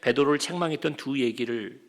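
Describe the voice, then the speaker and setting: Korean pastor preaching conversationally. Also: male voice, mid-range voice, brisk. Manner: conversational, asks the congregation questions, dips to quiet near-whispers. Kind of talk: sermon.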